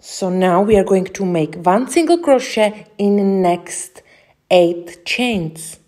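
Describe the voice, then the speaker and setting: Young Czech woman, Czech accent, crochet tutor; mellow, unhurried delivery, halting between steps. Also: medium pitch, animated. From Czech Republic. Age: young adult. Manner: slow, careful, with many hesitations. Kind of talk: step-by-step craft instruction.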